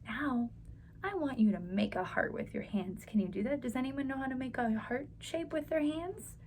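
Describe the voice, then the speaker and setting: With a voice that sits high and has a darkish tone, a woman reads to young listeners at normal speed during a children's story time. Her delivery toward the kids is sing-song, encouraging, and exaggerated, and clear background noise is audible.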